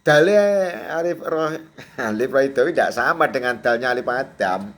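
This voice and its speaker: A man preaching a sermon, chatty and quick to laugh, often checking in with his audience and acting out the cries and prayers of a newborn. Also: mid-range voice, expressive, a bit bright. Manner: acts out a newborn's crying and prayers. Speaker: Sufi preacher.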